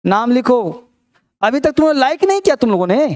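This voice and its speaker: Man, very high pitch, smooth voice, grammar teacher, reassuring, repetitive quizzing. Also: very animated, a little fast. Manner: reassuring, repeats points, quizzes students. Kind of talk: live online class, explained in Hindi.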